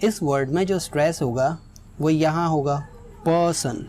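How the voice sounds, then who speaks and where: A woman's voice: sits low, moderate pace, a little mellow. A woman teaching English pronunciation, explaining step by step and mixing in English phrases. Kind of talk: spoken lesson with examples.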